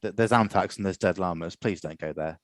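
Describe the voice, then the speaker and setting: Low-voiced man, dry humour. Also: a little fast, no room sound. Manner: dry, deadpan interjections. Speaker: podcast co-host. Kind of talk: casual comedic chat.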